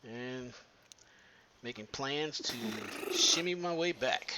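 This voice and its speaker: A plumber narrates his work as he crawls through a cramped attic, talking in a halting way with many filler pauses. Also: mid-range voice, expressive, background noise. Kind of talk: how-to narration while working.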